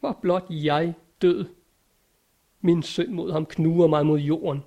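A man's voice: a little high, fairly even intonation, highs cut off, close to an everyday voice. A man voicing a brooding, guilt-ridden man full of despair in a read-aloud story. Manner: dark, despairing.

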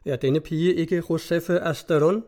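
A brash cobbler accuses others with defiant boldness, as a man reads him aloud. The voice is mellow and a touch high. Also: steady tone, natural voice. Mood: accusing.

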